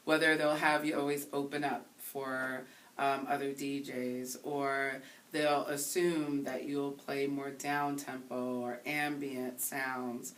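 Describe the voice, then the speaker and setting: Interview guest: woman DJ in her 30s from Haiti, unusually deep voice, earnest and reflective, recorded a little off-mic with light hiss. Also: little pitch movement. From Haiti, raised in the Bronx. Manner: thoughtful, earnest, pausing to find words. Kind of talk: casual interview. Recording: voice somewhat distant from the mic, faint hiss.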